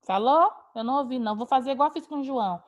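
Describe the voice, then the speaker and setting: A woman's voice: high voice, fast talker, muffled recording. A woman teaching an online class, calling on students by name and praising their answers. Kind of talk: online class on a video call.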